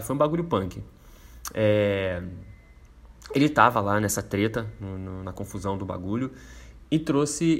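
Male host, Brazilian Portuguese accent, casual slangy explainer, mid-pitched and easygoing. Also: a bit bright. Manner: laid-back, slangy, rambling with fillers.

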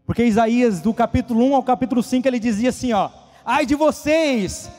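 A male preacher gives a casual, slangy sermon to young people and acts out the voices of the people he quotes. His voice sits high and mellow. It rings with long reverb in a church hall, with soft instrumental music underneath. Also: steady tone, very fast.

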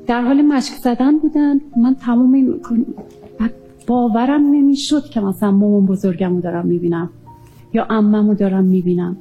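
A woman recounting a near-death experience in an earnest, halting way, often pausing with fillers. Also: on the high side, fairly even intonation, mellow, soft background music. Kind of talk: emotional personal testimony.

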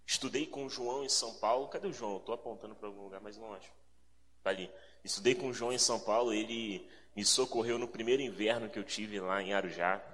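Fast-talking and lowish in pitch, with a bit of brightness, a guest preacher from Rio de Janeiro addresses a congregation in his carioca accent. His conversational sermon includes prayer and scripture reading, and he's informal and reflective, repeating phrases for emphasis. The big indoor hall adds reverb, along with slight background noise.

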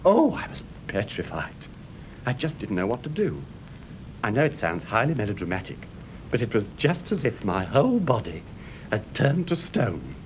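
An actor playing a nervous, fussy gentleman in an old radio drama, talking in a fretful, melodramatic way. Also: on the low side, wildly swooping pitch, normal speed, rough recording. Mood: frightened. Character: nervous fussy gentleman, shaken after an attack. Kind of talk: 1950s radio drama acting. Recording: old radio play with faint hiss.

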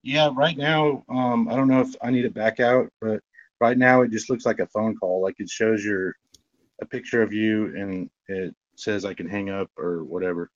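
Male caller on cell speakerphone, low voice, muffled phone-line sound, brief, hesitant replies. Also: steady tone, moderate pace. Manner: short, plain answers with hesitant fillers. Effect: cell phone on speakerphone over a call-in line. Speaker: business owner calling in as guest. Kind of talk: casual chat. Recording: dull lo-fi phone call-in audio.

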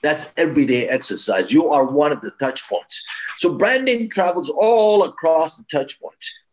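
A man's voice: fairly high pitch, animated, normal speed, rough recording. A man from East Africa, a branding expert being interviewed, explaining in an emphatic, advising way with frequent restarts.

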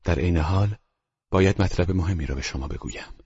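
Man doing an aging doctor, earnest, gentle, hushed near-whisper, very deep, husky. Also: no room sound, muffled recording, exaggerated voice. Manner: speaks softly, often in a hushed whisper.

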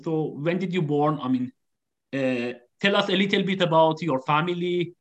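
A man's voice: on the high side, normal speed. A man hosting a live online interview, speaking hesitantly with many fillers. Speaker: host.

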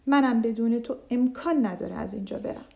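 A woman voicing a cheerful, loyal duck in a children's storybook fable, speaking with lively eagerness. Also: fairly high pitch, gravelly. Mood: eager.

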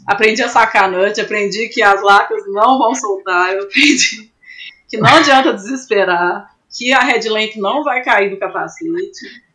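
Bright-voiced Brazilian woman telling climbing stories. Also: medium pitch, normal speed. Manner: animated, laughs often, acts out quoted voices. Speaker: climber guest. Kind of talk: casual interview storytelling.

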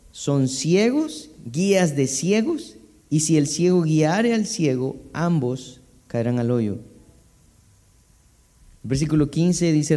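A man's voice: a little high, darkish tone. A man preaching a sermon as pastor, reading scripture aloud and then explaining it with asides to the congregation. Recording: long reverb of a hall.

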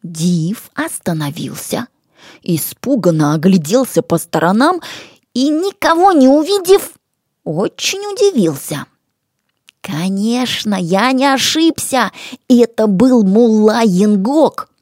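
A woman reading a children's novel aloud as an audiobook, with expressive storytelling. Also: on the high side, slow pace, no echo, clean studio sound. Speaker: audiobook reader. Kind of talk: audiobook narration.

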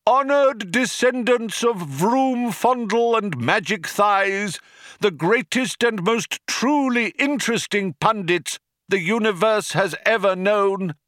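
A man's voice: high-pitched, a bit bright, dry recording, clean studio sound, pitched above the performer's own voice. A man voicing a fervent male orator who cries out grand proclamations to an ecstatic crowd. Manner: grand, declaiming, rising to a cry.

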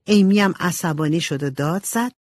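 A woman narrating an audiobook in an expressive storytelling manner. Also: on the low side, dry recording. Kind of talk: scripted narration.

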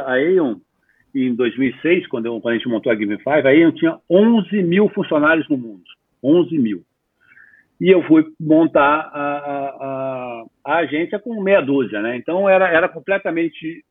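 A man in his fifties, a guest entrepreneur, talking in a casual, animated way with lots of slang in an interview. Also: a little high, normal speed, husky, no echo. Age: 50s. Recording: tinny phone-like line.

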